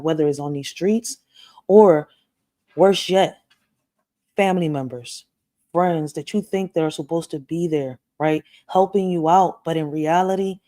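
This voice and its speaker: This woman's voice sits low and sounds dark as she, a parenting vlogger from Puerto Rico, chats to viewers about raising kids and family. Emphatic and casual, she keeps checking in with "right?" and "you know."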